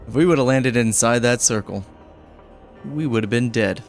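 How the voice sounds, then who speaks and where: In this casual gameplay commentary, a male streamer banters with the game's characters. He speaks at medium pitch and takes his time, with faint music in the background.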